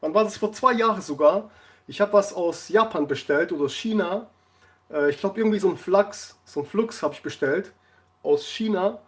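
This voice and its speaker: A man's voice: high-pitched, normal speed. A man chatting casually on a live stream, rambling through anecdotes and laughing often.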